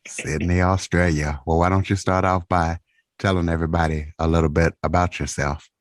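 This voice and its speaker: A male podcast host delivers a scripted, announcer-like introduction. His voice sits very low, and the recording is dry with no room sound. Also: level tone, normal speed, no echo.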